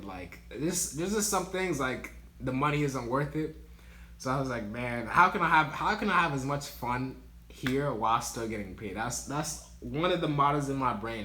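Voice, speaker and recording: A young man spins a laid-back storytime monologue, heavy on "like" and "yo," giggling at his own tale. His voice has a bright, forward edge at an ordinary pitch. The room around him rings with noticeable echo. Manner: laid-back slangy talk, lots of "like" and "yo", laughing as he tells it. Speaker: vlogger telling a work story. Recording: roomy echo.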